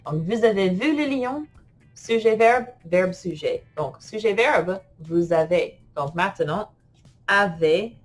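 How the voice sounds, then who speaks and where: Playful husky-voiced woman teaching French. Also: mid-range voice, animated, a little slow, faint music behind. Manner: playful, laughs often, talks to herself while typing. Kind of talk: online grammar lesson.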